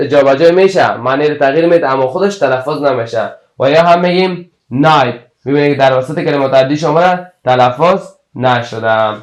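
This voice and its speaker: A man with an Afghan Dari accent teaches English spelling, explaining letter combinations by carefully repeating each example word and then giving its meaning. His voice sits a little high, and the room around him rings with echo.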